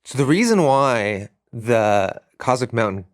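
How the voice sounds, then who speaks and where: A man's voice: medium pitch, sing-song, measured pace, dry recording, clean studio sound. A man co-hosting a podcast, affirming his partner's points and reading the closing announcements. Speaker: podcast co-host. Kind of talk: casual discussion and show outro.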